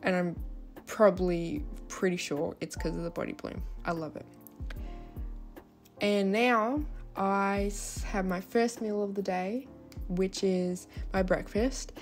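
A young adult woman vlogger with a mid-range voice narrates her daily routine in a chatty, informal voice-over, speaking slowly. She has a lisp with slushy s sounds, and music plays in the background.

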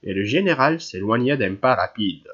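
A man reading a classic novel aloud as an audiobook narrator, in a measured literary style. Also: medium pitch, lively intonation, a bit bright, husky, dull audio. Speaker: audiobook reader.

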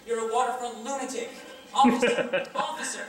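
A stage performer playing a prim, easily offended gentleman who sounds indignant, fussy and flustered. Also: mid-range voice, fairly even intonation, a little fast, slight background noise, close to an everyday voice. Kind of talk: high school stage play. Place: school auditorium stage. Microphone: far camera. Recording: echoey hall from far off.

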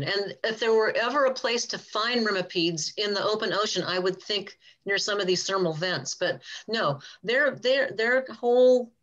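An older woman scientist answering questions in a relaxed, rambling way over a video call. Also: medium pitch, highs cut off. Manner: chatty, rambling, self-correcting. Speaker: guest speaker, cave diving scientist.

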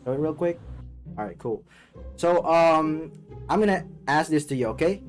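A man's voice: on the high side, expressive, normal speed, soft background music. A young man talking casually on a video chat, laid-back and repeating himself often. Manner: laid-back, repeats "you know what I'm saying". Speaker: online video prankster.

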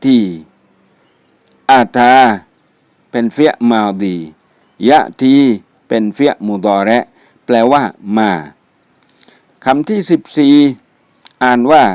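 A man teaches a vocabulary lesson at a very slow, measured pace, saying each Arabic term twice before he explains it. His voice is close and dry, with no room sound around it. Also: medium pitch, a little mellow, smooth, dry recording. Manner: repeats each Arabic word twice, then gives its meaning. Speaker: Islamic studies teacher. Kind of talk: slow vocabulary lesson, reading words and meanings. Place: mosque.

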